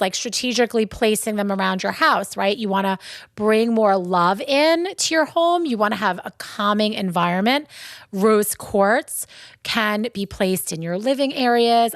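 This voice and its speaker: A woman with a Long Island accent, co-hosting a podcast in casual, animated chat. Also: mid-range voice, no room sound, studio quality. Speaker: podcast co-host.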